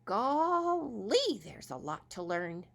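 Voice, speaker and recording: Casting: a tiny squirrel pal, squeaky and high, drawn-out lines, bouncing all over the place. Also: female voice, sing-song, vocal fry, full character voice. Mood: chiding. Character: small chirpy make-believe squirrel friend. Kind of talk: storybook reading.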